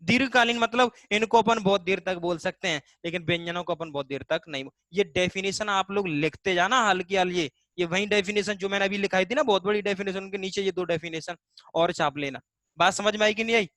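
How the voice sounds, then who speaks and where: A high-pitched man speaking a little fast, with a fairly bright tone and no echo, runs a live online Hindi class. He breaks things down step by step, asks the students' questions aloud himself, and stretches vowels to model them.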